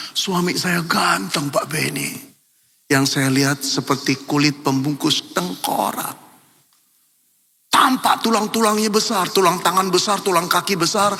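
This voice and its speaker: An older man preaching a sermon as pastor, telling a story and moving between hushed and emphatic passages. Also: high voice, gravelly, slight background noise. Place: large church hall. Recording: long church hall reverb.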